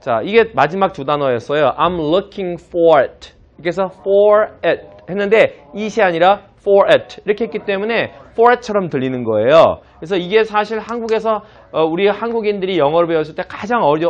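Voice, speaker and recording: Man teaching pronunciation, slightly high voice. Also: dull audio. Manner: explains patiently, models English words slowly; asks the class to repeat after him. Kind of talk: classroom lecture.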